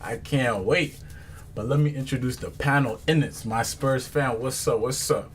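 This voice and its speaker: A man's voice: medium pitch, moderate pace. Male podcast host, heavy street slang, casual sports banter, some background noise. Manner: heavy urban slang, mandem and bro. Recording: noisy background.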